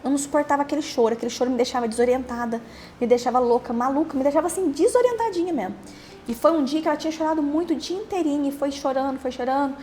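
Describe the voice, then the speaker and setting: A young Brazilian woman telling her own story in a halting way, repeating words and trailing off. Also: high-pitched, warm tone, a little hiss or hum. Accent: Brazilian Portuguese. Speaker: podcast host interviewed as guest. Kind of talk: emotional personal testimony.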